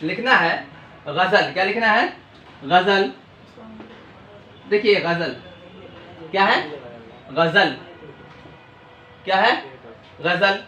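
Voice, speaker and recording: In an echoey room with faint hiss and dull audio, a man with a high-pitched, expressive, sharp-toned voice teaches a language lesson at a whiteboard. He draws out his words and pauses often, asking questions and answering them himself in call-and-response.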